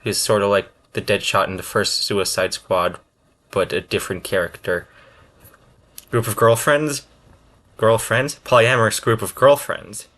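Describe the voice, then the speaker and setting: Reacting off the cuff as a video host, a man rambles haltingly and lets thoughts drift unfinished. He speaks with a fairly low pitch and a steady, slightly bright tone.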